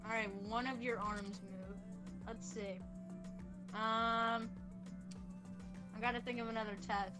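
A woman's voice: a little high, fairly even intonation, slow pace, pauses often. A young woman chatting casually and teasingly as she plays a group game. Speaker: player in a group guessing game. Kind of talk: casual gaming chat. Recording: loud music behind the voice.

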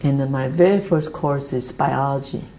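Low-voiced Taiwanese woman recalling her life. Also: warm tone, slight background noise, poor audio. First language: Mandarin Chinese. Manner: earnest, halting non-native English with restarts. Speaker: interviewee. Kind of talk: reflective life-story interview. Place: office meeting room, seated at a table.

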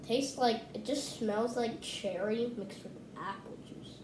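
A woman's voice: on the high side, a little slow. A woman vlogger in a chatty, hesitant way, talking into a bottle as she sniffs and tastes a drink. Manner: chatty, hesitant, restarts often. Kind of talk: casual taste-test vlog. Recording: echoey room with noise.

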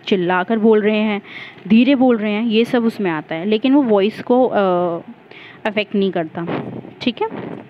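A woman teacher talks through exam answers one by one, explaining each term patiently and pausing to fix her own mistakes. Her pitch sits in the middle of the usual range. The recording sounds dull and lo-fi, with faint noise behind her. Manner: explains step by step, mixing Hindi and English terms, corrects own slips. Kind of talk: exam-prep lesson.

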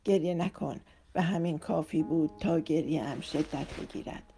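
A woman's voice: low voice, mellow, soft background music. A woman reads a romance novel aloud as an audiobook narrator, in an emotive, dramatic first-person style.

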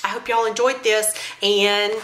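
A woman's voice: medium pitch, level tone, unhurried, a bit bright. A young woman chatting casually in a home vlog, close to the camera. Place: room at home.

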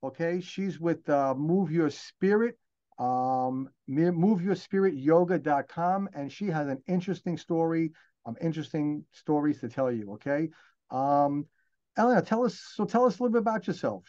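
A man's voice: a little high, animated, dark tone. Rambling male podcast co-host, muffled. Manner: rambling, halting, many restarts. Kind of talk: casual interview chat.

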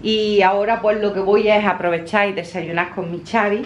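A woman in her fifties chats to her phone camera at home in an easy, rambling way, warm and affectionate with plenty of fillers. Her voice sits at a middle pitch. Faint household noise runs underneath. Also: little pitch movement, moderate pace. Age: 50s. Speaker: vlogger. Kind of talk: casual home vlog. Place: at home, indoors.

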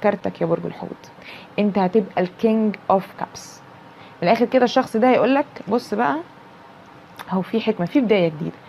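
A woman with an Egyptian Arabic accent giving a casual tarot reading, animated and repetitive, speaking straight to the viewer. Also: medium pitch, fast, creaky, slight background noise, poor audio. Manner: animated, repeats herself, talks straight to the viewer. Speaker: tarot reader.

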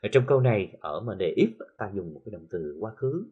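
A man with a Southern Vietnamese accent teaching an English lesson, explaining slowly with many filler sounds and reading English examples carefully. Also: on the low side, sing-song, slightly rough, phone-quality sound. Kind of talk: recorded classroom lesson for TV.

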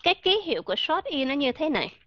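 A woman's voice: sits high, very animated, quick pace, dry recording. A woman teaching English pronunciation in an online lesson, patiently explaining, repeating example words and asking her listeners questions. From Vietnam. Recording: dry, dull lo-fi recording.

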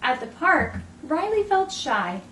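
A woman in her thirties hosts a children's storytime, reading a picture book aloud to preschoolers in a high-pitched voice with expressive, deliberate, clearly paced delivery. She stands before a backdrop in an indoor room. The recording sounds roomy, picked up by a distant mic with faint noise.

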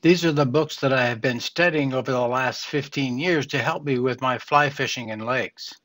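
An older man explains his methods in a plain, earnest teaching voice with a few fillers and restarts. His tone is bright and forward at a middle pitch. He speaks from a small room at home, heard at desk distance from the camera. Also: moderate pace. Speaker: fly fishing instructor. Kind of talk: instructional narration.

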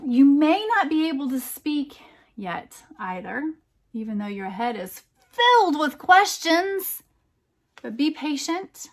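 A middle-aged American teacher leads storytime, reading a picture book aloud very slowly in a fairly high voice. She leans on key words, phrases things deliberately for small children, stays animated and emphatic, and chats in asides between pages.

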